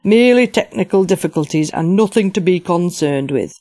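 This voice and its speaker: A woman's voice: fairly low pitch, expressive, fairly quick, mellow, dry recording, clean studio sound. A woman doing a pompous fawning official. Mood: obsequious. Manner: obsequious, cold, sneering. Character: pompous scheming middle-aged male official.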